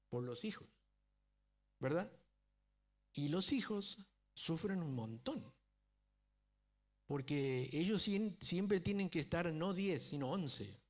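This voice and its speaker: A man preaching a sermon as a pastor, telling a story and often checking in with the congregation. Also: on the high side. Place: church.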